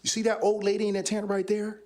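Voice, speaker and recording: A man's voice: high voice, monotone, quick pace, darkish tone, voice pushed up, lightly acted. A man voicing a brash young male gang member who talks in loose street slang. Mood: cajoling. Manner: slangy, cajoling street talk.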